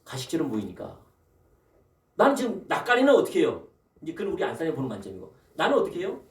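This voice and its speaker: A man's voice: on the high side, very fast. A man preaching a sermon as pastor, throwing rhetorical questions to the congregation and calling for amens. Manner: animated preaching with rhetorical questions and calls of amen. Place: church sanctuary. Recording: echoey church hall from a distant mic.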